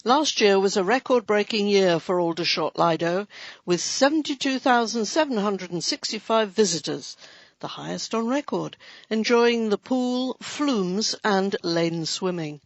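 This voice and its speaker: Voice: mid-range voice, expressive, measured pace, no echo. A reader giving a scripted, light-hearted reading of a local council magazine, with playful asides. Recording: dry, dull lo-fi recording.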